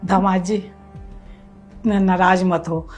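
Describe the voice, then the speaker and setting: A woman's voice: fairly low pitch, level tone, very slow, faint music behind. A woman playing a meek, pleading mother-in-law. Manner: soft, pleading, apologetic. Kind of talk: amateur family drama skit.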